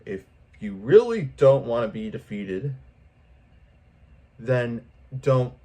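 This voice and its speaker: In a fairly low, mellow voice, a vlogger speaks off the cuff to his viewers, offering a pep talk. He rambles with earnest intent and repeats himself to drive points home.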